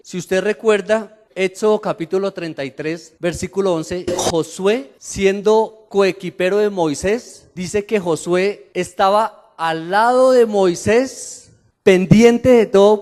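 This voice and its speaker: A Colombian man preaching a sermon to his congregation, telling stories with humor and asking the crowd questions. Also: sits high. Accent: Colombian Spanish. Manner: animated storytelling with the congregation, laughing and asking questions. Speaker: pastor. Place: church hall. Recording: long hall reverb.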